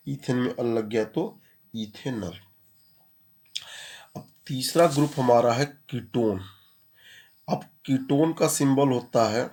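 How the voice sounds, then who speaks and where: Male chemistry teacher. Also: medium pitch. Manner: explains step by step, repeats key terms, asks and answers own questions. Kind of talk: classroom lecture.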